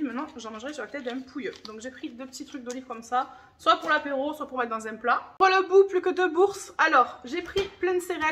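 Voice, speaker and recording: Bright chatty high-voiced woman. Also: slight background noise. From France. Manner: chatty, enthusiastic, confiding. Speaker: vlogger. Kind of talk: casual grocery haul chat.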